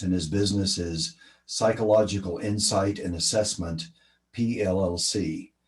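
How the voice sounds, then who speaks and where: A man reads out a speaker introduction at an online meeting. His voice is very deep. He sits well back from his video-call mic, so he sounds distant. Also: a little mellow. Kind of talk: reading an introduction.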